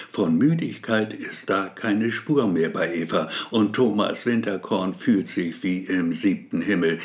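A man narrating a story as an audiobook in a playful, wry way. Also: fairly low pitch.

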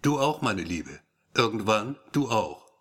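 A man's voice: lowish voice, big pitch swings, a little slow, a bit bright, pitched below the performer's own voice, full character voice. A man reading a teasing, grumbling friend. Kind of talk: audiobook reading.

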